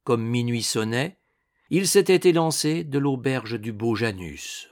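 A man narrating an adventure novel as an audiobook, with dramatic, expressive storytelling. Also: mid-range voice, measured pace.

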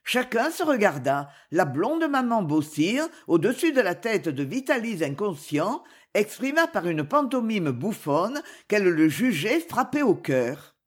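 A husky, slightly breathy narrator reads a literary novel aloud, sitting at a middling pitch. The delivery is animated, with the voice rising and falling freely through each sentence. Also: a little slow.

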